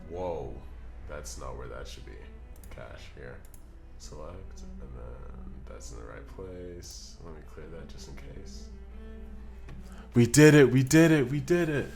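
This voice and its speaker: A young Scottish man with a low voice and some vocal fry chats casually on a live stream from his home streaming room. He mutters to himself while editing at his computer and reads the chat aloud, sounding relaxed, picked up by a desk microphone.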